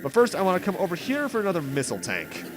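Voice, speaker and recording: Racing along in a high-pitched voice with huge pitch swings, a man hosts casual let's play commentary, rambling, chatty and mildly wry. The background is noisy, with video game music behind him.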